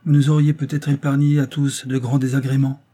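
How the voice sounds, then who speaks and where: A man reading aloud voices a proud, defiant young wife, raising his voice higher and speaking with haughty indignation. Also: flat delivery, a little fast, dark tone, natural voice. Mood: indignant.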